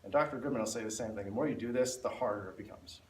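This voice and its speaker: A man leads a spinal stability class at a racing pace, his medium-pitched voice darkish as he explains and shows the exercises while slightly winded. The mic is far off in an echoey room, and faint noise can be heard.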